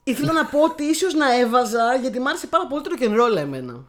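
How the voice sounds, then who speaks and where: A woman's voice: high voice, very animated. A woman co-hosting a podcast, chatting enthusiastically about films. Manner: chatty, enthusiastic, laughs easily. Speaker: podcast co-host. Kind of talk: casual chat about films.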